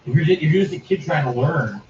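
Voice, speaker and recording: A man's voice: fairly high pitch, animated, quick pace, darkish tone, a little hiss or hum. A man giving casual, wry gameplay commentary and musing aloud as a game streamer. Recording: distant roomy lo-fi stream recording.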